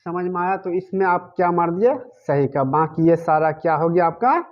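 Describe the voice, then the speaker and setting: A man's voice: on the high side, little pitch movement, normal speed. A male teacher giving a grammar lesson, asking his class questions and answering them himself, repeating the key words. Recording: dull lo-fi recording.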